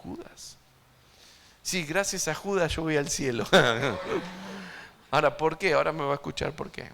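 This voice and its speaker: A man preaching an evangelistic sermon to a congregation, emphatic and swinging between loud and hushed, asking his listeners direct questions. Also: a little high, fast talker, creaky, a little hiss or hum. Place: church service before a congregation.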